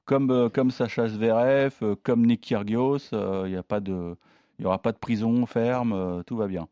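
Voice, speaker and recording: A man giving tennis tips in casual chat, animated, with laughing asides and hesitant fillers. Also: medium pitch, moderate pace, dry recording, lo-fi sound. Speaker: tennis pundit.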